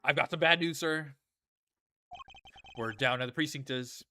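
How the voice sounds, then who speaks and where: A man's voice: on the high side, a little slow, sharp tone, slight background noise. Man doing an eager loyal detective.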